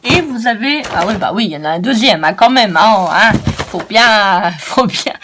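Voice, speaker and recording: A woman's voice: medium pitch, expressive, moderate pace. Jokey female haul vlogger, talks in a mid-range voice, over a noisy home recording. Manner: chatty and playful, often scolds herself jokingly. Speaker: craft shopping-haul vlogger. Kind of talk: casual chat showing purchases.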